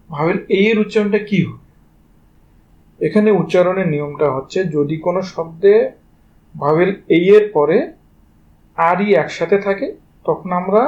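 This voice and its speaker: High-voiced Bengali man teaching pronunciation. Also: lo-fi sound. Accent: Bangladeshi Bengali. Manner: spells words letter by letter before saying them; addresses students directly and informally. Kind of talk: spelling-based pronunciation lesson.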